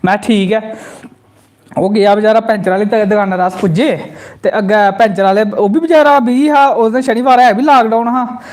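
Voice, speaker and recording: A man's voice: high-pitched, moderate pace. A man with a Dogri accent from Jammu, telling a comic story on a live stream and reading out viewer comments. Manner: animated storyteller, bursts into quoted voices. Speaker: comedy channel host.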